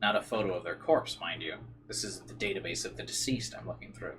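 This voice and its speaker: A streamer reads visual novel narration aloud in a low, brisk voice, slipping into casual side remarks and now and then tripping over words. Background noise can be heard.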